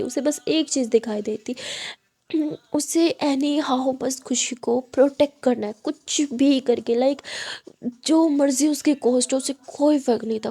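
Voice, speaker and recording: A woman's voice: on the high side, gravelly, dark tone. A woman narrating a serialized romance story in a casual telling, mixing in English words.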